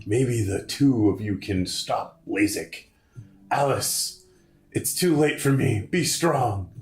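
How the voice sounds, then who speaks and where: A man's voice: mid-range voice, expressive, slow pace, darkish tone, echoey room. A man voicing a dying young man, reading game dialogue aloud in a dramatic, gasping way. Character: dying young man warning his sister.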